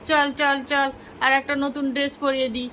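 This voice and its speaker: Casting: woman as a young mother doll, high, bright, doting, repeats phrases to her baby. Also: little pitch movement, fairly quick, a little hiss or hum. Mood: busy. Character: young Bengali mother doll, fussing and affectionate. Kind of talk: doll-play storytelling.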